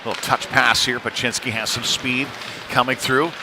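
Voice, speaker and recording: Streaming live from a cold ice rink, a man narrates a youth hockey game in loose, unpolished play-by-play that lifts with the action. His voice sits at medium pitch, with little pitch movement and a moderate pace, and clear venue noise runs behind it.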